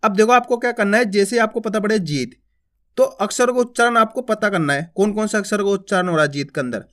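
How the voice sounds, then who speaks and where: A man teaching Hindi, reading words slowly and repeating each one, asking his viewers questions and then answering them himself. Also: high voice, a bit bright. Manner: says each word twice, drawing out the first, then explains step by step; addresses viewers as friends, asks and answers his own questions. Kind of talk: slow word-by-word reading lesson.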